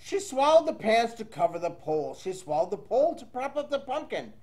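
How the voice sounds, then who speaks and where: A man with an extremely high, very animated, slightly mellow voice reads a children's storybook a little fast. His sing-song, playful reading is dotted with casual remarks to young listeners.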